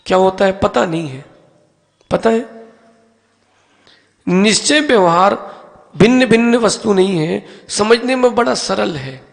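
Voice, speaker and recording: A man's voice: high-pitched, expressive, unhurried, gravelly, pauses often. A male Jain monk gives a teaching sermon in a temple hall. He explains ideas step by step with everyday objects and asks his listeners questions, calling on them by name.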